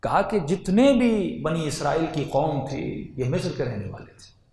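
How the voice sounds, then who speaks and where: A man, a religious scholar preaching a sermon in a large hall, moving between quiet passages and loud emphatic ones. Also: fairly high pitch, sing-song. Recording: echoey hall, heard from far off.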